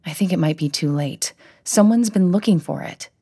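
A woman's voice: lowish voice, normal speed, vocal fry, warm tone, slightly rough, exaggerated voice. A woman voicing a frightened, paranoid old grandfather who talks in urgent, suspicious bursts. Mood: agitated, paranoid.

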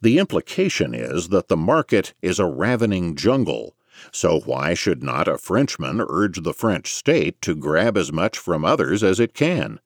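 A man's voice: deep voice, sing-song, measured pace, no room sound, studio quality. A man narrating scripted nonfiction as an audiobook reader, in a formal, scholarly lecturing manner.

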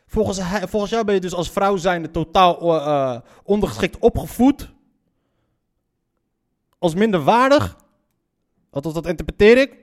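A man's voice: high-pitched, lively intonation, moderate pace, pauses often. A man reacting to a story he reads aloud, blunt and incredulous, swearing and stumbling over repeated words. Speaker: reaction commentator. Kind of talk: reaction commentary.

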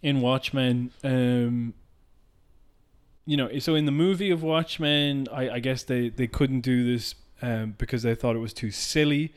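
A man's voice: mid-range voice, fairly even intonation, unhurried, smooth. An Irish man hosting a podcast in casual chat, rambling and thinking aloud with plenty of fillers. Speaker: podcast host.

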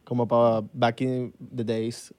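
A man co-hosting a casual podcast, teasing and joking with quick asides. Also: medium pitch, monotone, darkish tone, clear, resonant tone, no echo. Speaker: podcast co-host. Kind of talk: casual chat.

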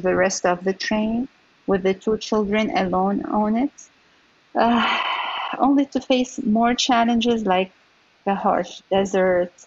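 A woman's voice: mid-range voice, dull audio. A woman from Syria, an author answering interview questions in a hesitant way with many fillers. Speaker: author guest.

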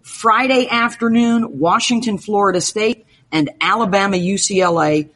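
A woman's voice: mid-range voice, moderate pace, fairly bright tone. A woman hosting a sports talk show, upbeat and jokey, rattling off game schedules. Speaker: show host.

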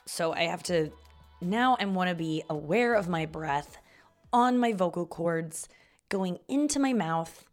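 A woman talking casually on a solo podcast with vocal fry from the back of her throat, rambling and self-deprecating, with casual swearing. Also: lowish voice, animated, measured pace, faint music behind. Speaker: podcast host and comedian.

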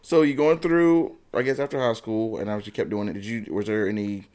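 A man with a lowish voice hosts a casual interview. He asks loose, rambling questions and keeps the talk going with frequent "yeah"s of agreement. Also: steady tone, a little fast, a little mellow, clear, resonant tone. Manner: encouraging, frequent backchannel agreement. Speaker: interview host.

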